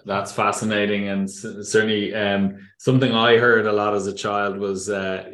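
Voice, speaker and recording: A man's voice: fairly low pitch, little pitch movement, moderate pace, fairly bright tone, echoey room. A man hosting an interview podcast, asking chatty, friendly questions with some restarts. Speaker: podcast host.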